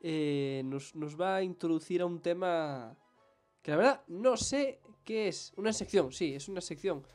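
A young man co-hosting a casual podcast, telling a story in an animated way and fretting about his accent. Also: on the high side, a little slow, faint music behind. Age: young adult. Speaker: podcast co-host. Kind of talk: casual chat.

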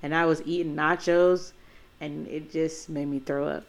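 A woman's voice: deep voice, flat delivery, moderate pace. A young woman co-hosting a casual chat, telling a dating story bluntly and with profanity, laughing often.

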